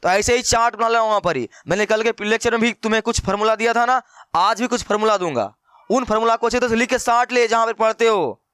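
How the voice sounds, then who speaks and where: Here a man with a high, steady voice speaks quickly, his tone a little bright and smooth, captured in studio quality with no echo. Teasing and playful, he runs a math class, mimicking students' answers and addressing the audience directly as "brother."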